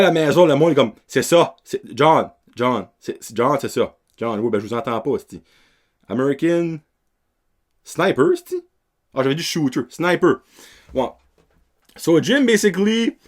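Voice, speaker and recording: A young man with a Québécois French accent hosts a casual film review podcast, rambling along and tossing in English words and slang. His voice is mid-range and a little mellow.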